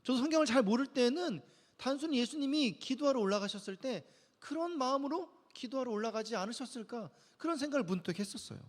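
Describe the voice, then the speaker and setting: A man's voice: very high-pitched, lively intonation, quick pace. A man preaching a youth sermon as pastor, talking in a conversational way and acting out the lines he quotes. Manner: conversational, acts out quoted voices. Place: church sanctuary. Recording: long church hall reverb.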